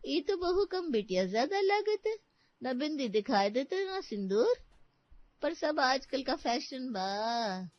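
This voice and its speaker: A woman's voice: sits high, big pitch swings, takes it slowly, no echo, voice pushed up, full character voice. A woman voicing a chatty, meddling middle-aged laundry worker with a Bhojpuri-flavoured accent, drawn out and sing-song. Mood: nosy, preachy. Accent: Bhojpuri-flavoured Hindi. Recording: dry, slightly dull recording.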